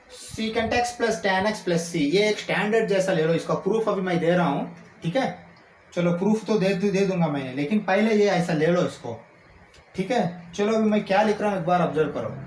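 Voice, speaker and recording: Male maths teacher, high voice, slow-paced explanations, roomy echo with faint background hum. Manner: checks in often with rhetorical questions; slows down to dictate formulas. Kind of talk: explaining calculus while writing. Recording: echoey room with faint ambient noise.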